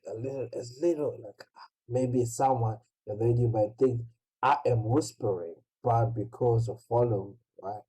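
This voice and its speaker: Man, online English teacher, husky, dark-toned, slow, repetitive check-ins. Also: mid-range voice, low-quality recording. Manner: slow, repeats "right?" constantly.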